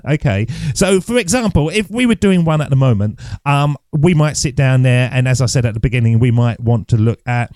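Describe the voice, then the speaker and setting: Recorded dry on a close studio mic at his home desk, an Englishman with a warm voice on the high side hosts his solo teaching podcast. He chats and rambles, thinking aloud while searching things up online.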